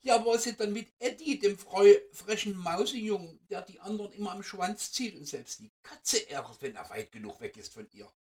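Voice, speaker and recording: A man voicing a group of excited little mouse children who talk high and eager, recorded from a distance. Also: a little fast, hardly any pauses.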